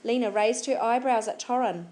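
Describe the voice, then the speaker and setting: Female audiobook reader, steady storybook delivery, somewhat high pitch. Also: normal speed, reverberant. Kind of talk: storybook narration.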